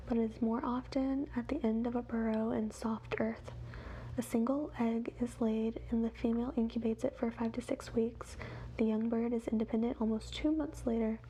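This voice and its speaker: A woman whispers wildlife facts in a soft, measured ASMR reading, as quietly as someone watching animals. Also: on the high side, slight background noise, poor audio. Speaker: ASMR host.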